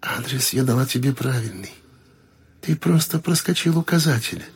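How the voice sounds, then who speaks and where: A man voicing a gentle, sad ghost of a young woman in a soft, breathy whisper. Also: mid-range voice, lively intonation, moderate pace, pitched above the performer's own voice, heavily acted. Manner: soft, pleading, fading.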